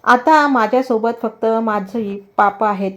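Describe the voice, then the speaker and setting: A woman's voice: fairly high pitch, measured pace, lo-fi sound, natural voice. A woman voicing the frightened, wailing soul of a dead man who cries out and pleads for rescue, in a storybook narration. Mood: pleading. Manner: pleading, crying out.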